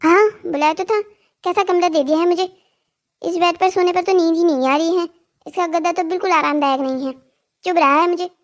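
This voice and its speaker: A voice actor playing a fussy, demanding older mother-in-law in a cartoon story, scolding with sharp rising shouts. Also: extremely high pitch, fairly even intonation, a little fast. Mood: complaining.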